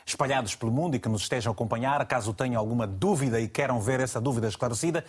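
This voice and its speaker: A man hosting a TV talk show, quickly putting questions to his guests. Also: mid-range voice, slightly rough. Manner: brisk, prompting guests with follow-up questions. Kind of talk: TV studio interview.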